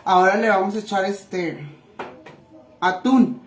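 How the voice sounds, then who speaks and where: A woman chatting warmly with viewers while cooking in her home kitchen, calling them little treasures. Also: mid-range voice, steady tone, measured pace. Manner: chatty and affectionate, calls viewers "tesoritos". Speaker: cooking vlogger. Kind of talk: casual cooking chat to viewers. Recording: echoey room with faint noise.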